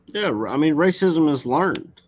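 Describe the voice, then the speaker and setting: A man from Kentucky, USA, hosts a casual talk show podcast with a Kentucky accent, speaking earnestly and rambling, often saying "you know what I'm saying". His voice is a little high and expressive, at a moderate pace.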